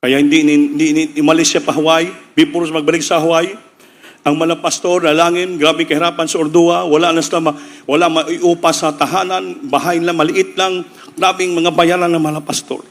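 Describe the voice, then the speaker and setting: A man's voice: fairly high pitch, little pitch movement, brisk, in a large hall. A man with a Filipino accent preaching a midweek sermon, telling a story and acting out the people in it. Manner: storytelling, shifting into dramatic quoted voices. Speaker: pastor preaching.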